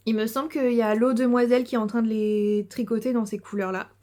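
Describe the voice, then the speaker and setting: Woman, crafting podcaster, higher voice, casual and giggly, lots of fillers. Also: fairly even intonation, quick pace, mellow. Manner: chatty, hesitant with many fillers, giggly. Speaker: knitting and sewing podcaster. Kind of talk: casual video chat showing crafts.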